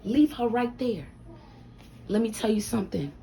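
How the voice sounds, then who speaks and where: A woman's voice: on the high side, animated, moderate pace, dark tone. Scratchy-voiced woman preaching hard truths. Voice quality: scratchy, husky smoker's voice. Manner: blunt, preachy, talks straight to the viewer. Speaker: vlogger giving life advice. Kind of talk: fiery motivational talk to camera. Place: home room with a door.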